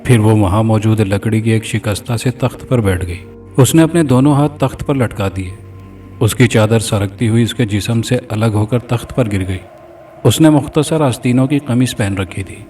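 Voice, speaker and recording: A man narrating a scripted horror story in a steady, dramatic reading. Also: lowish voice. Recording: distant mic, faint background music.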